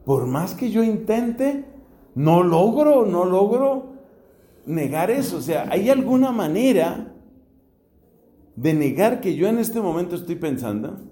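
A middle-aged man from Colombia, a priest, giving a philosophy lecture in a slow, deliberate way with rising emphasis. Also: fairly high pitch, mellow. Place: classroom or hall. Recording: echoey room.

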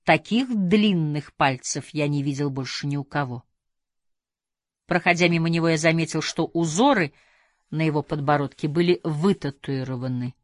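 A woman reading a novel aloud as audiobook narration, measured and even. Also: low voice, no room sound, studio quality. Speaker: audiobook reader. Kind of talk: scripted narration.

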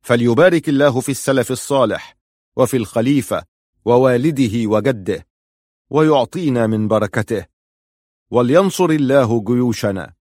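A man voicing a commanding male army chief, declaiming forcefully in an audiobook reading. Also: on the low side, expressive, normal speed, long pauses, dry recording, studio quality, lightly acted. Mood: rousing.

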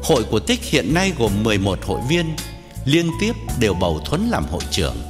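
Man reading a story out loud, very lively pitch, guitar music behind, long echoey hall. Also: fairly quick. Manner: expressive storytelling, wide pitch swings. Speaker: audiobook narrator. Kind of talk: scripted story narration.

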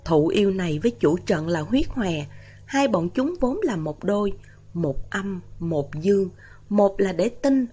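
A woman voicing a calm, knowing young male exorcist in a storybook reading, explaining patiently. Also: mid-range voice, measured pace, a little hiss or hum, lightly acted.

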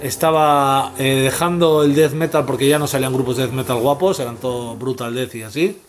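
A man's voice: mid-range voice, steady tone, fairly quick. A man in his forties with an accent from Spain, hosting a casual music podcast, rambling and swearing freely. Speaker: podcast host.

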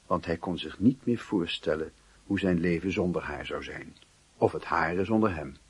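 In a low-pitched, husky and raspy voice, a man narrates a wistful literary radio drama, reflective and measured as a storyteller.

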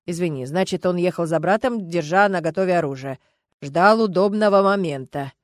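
A woman's voice: fairly low pitch, normal speed, no room sound, clean studio sound, voice pushed down, close to an everyday voice. A woman voicing a sardonic male friend who talks in a teasing, ironic way, in an audiobook. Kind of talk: audiobook narration.

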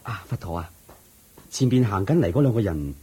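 This lowish male voice is warm and slightly rough, animated and fairly quick. It belongs to an actor in 1980s-style radio drama portraying a devoted disciple who speaks earnestly and respectfully, explaining things at length.

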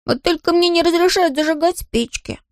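A woman voicing a bright curious boy. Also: high voice, lively intonation, normal speed, no echo, studio quality, pitched above the performer's own voice. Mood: thoughtful. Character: curious kind young boy, shrunk tiny.

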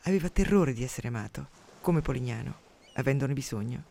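A man's voice: medium pitch, expressive, a little fast, gravelly. Impassioned man reading poetry on radio. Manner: impassioned, theatrical reading with sudden loud outbursts and hushed drops. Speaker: radio host. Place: radio studio.

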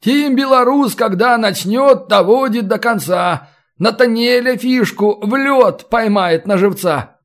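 A man voicing a boisterous, mocking brawler who haggles loudly over a captive. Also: very high-pitched, unhurried, voice pushed up. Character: boisterous bargaining male brawler, Belarusian.

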